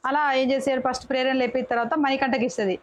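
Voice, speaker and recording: Chatting casually, a high-voiced woman reviews a reality show episode, her pitch barely moving. She often breaks off, restarts quickly, and corrects herself mid-word.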